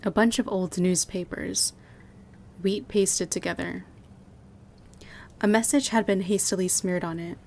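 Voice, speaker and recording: A woman streamer reading game text aloud in a measured way and answering her chat in quick asides, recorded at a home streaming setup. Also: mid-range voice, fairly even intonation, vocal fry, a little mellow, a little hiss or hum.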